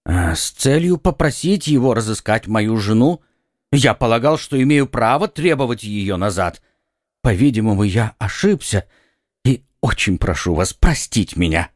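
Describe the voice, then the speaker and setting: A man's voice: expressive, normal speed, dry recording, clean studio sound, lightly acted. A man voicing a frightened, pleading middle-aged shopkeeper in an audiobook reading. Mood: anxious. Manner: high, anxious, exclaiming pleas.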